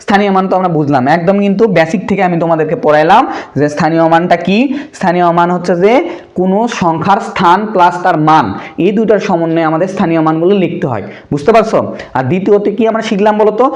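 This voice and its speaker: A young man teaching a primary school math lesson, asking the pupils questions and answering them himself in a casual, brotherly way. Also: sits high. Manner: slows to spell out numbers.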